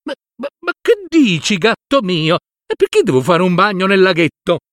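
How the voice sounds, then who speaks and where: A man's voice: sits high, huge pitch swings, moderate pace, a bit bright, no echo, clean studio sound, pitched above the performer's own voice, full character voice. A man voicing a naive young man from a fairy tale who stammers out bewildered questions. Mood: puzzled. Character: naive young master, easily puzzled.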